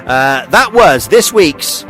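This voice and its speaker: A man's voice: fairly high pitch, big pitch swings, slow, over music. Chuckling man reading quirky news. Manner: chuckles often, lots of ums and uhs. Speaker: radio show host reading a news feature. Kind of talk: casual news reading with banter. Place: radio studio.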